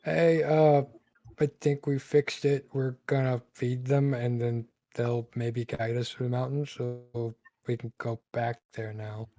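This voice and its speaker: A man's voice: medium pitch, level tone, measured pace, mellow, lightly acted. A man doing Jason, a hesitant easygoing companion. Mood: reassuring.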